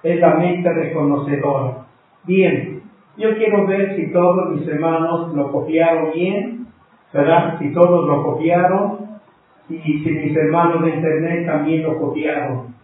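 A man's voice: a little high, steady tone, unhurried, slight background noise. A man teaching a live-streamed Bible class, patiently spelling out words letter by letter and addressing listeners as brothers. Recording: echoey room, distant mic, thin phone-like sound.

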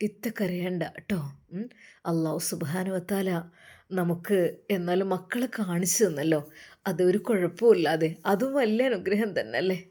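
A woman voicing a gentle young man who calmly comforts his weeping sister, in a Malappuram accent. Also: lowish voice, normal speed, husky, pitched below the performer's own voice. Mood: gently consoling. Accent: Malappuram Malayalam. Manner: soft, calm, reassuring.

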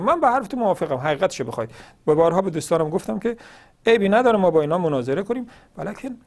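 Guy hosting a religious call-in show, high voice swinging all over the place, argues hard, fires off rhetorical questions. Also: gravelly, a little mellow. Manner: argumentative, rhetorical questions, acts out quoted dialogue. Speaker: religious TV host answering callers. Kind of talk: impassioned call-in religious talk.

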